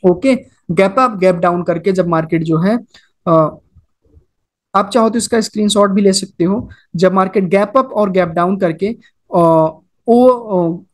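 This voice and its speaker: In a screen-recorded lecture over a chart, a man with a high-sitting, slightly mellow voice teaches trading. He speaks casually, sprinkles in English trading terms, repeats himself, and keeps checking in with "okay" and "right?".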